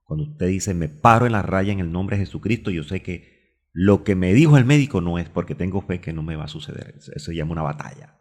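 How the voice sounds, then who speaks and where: A man's voice: low voice, animated, fast, darkish tone. A man with a Colombian Spanish accent preaching a radio sermon, stopping to look up Bible verses aloud and drawing out key words. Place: radio studio.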